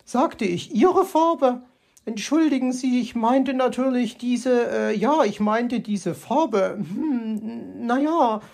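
A woman's voice: a little high, sing-song, a little slow, few pauses, a little mellow, slightly rough, voice pushed up, heavily acted. Frau Elster, a flustered magpie, as a woman reader puts her on. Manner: stammering, then mocking. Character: fussy, sharp-tongued female magpie, Frau Elster.

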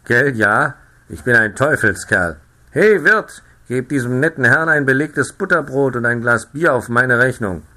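Ein Mann spricht einen dicken, schlitzohrigen Bauern, herzhaft und prahlerisch, in einer Hörbuchlesung. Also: male voice, medium pitch, expressive, measured pace, bright, forceful tone. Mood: hearty. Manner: hearty and boastful. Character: jolly, sly stout male farmer.

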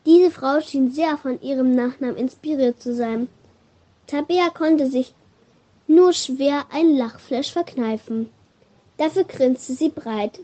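A woman narrating a storybook reading in a calm, even storytelling manner. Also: sits high, highs cut off.

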